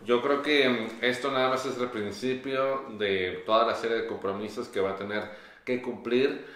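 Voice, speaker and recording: A young man co-hosting a gossip show, explaining in a measured way with "eh" fillers in a small studio. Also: medium pitch, steady tone, fairly bright tone. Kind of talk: casual gossip chat. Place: small studio on a pink sofa. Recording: roomy echo.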